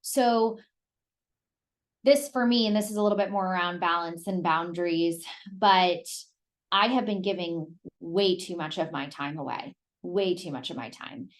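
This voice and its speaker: A woman with a lowish voice, speaking a little slowly, presents on an online group call and leads the discussion. She gives informal motivational advice and repeats phrases for emphasis.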